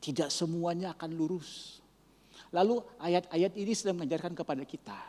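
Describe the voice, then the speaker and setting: A male pastor preaching a sermon, telling a story and swinging between loud exclaiming and hushed near-whispers. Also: a little high, moderate pace. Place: church sanctuary. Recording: church hall reverb.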